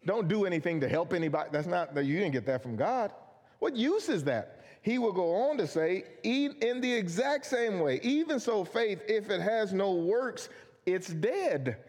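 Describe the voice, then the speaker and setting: A man's voice: high voice, expressive, normal speed, a little mellow. A man preaching a Bible study sermon, earnest and emphatic, asking questions and answering them himself. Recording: long hall reverb.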